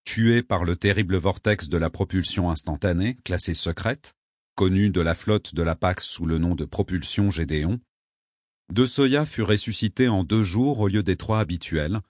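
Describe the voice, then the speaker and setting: A man giving a steady, measured scripted narration of an audiobook. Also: deep voice, no echo, studio quality.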